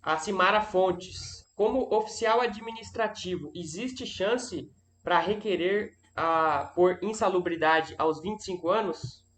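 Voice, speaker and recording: A man's voice: sits high, a little slow, a bit bright, a little hiss or hum. A man moderating a live session, reading out viewer questions and giving brief acknowledgments between them.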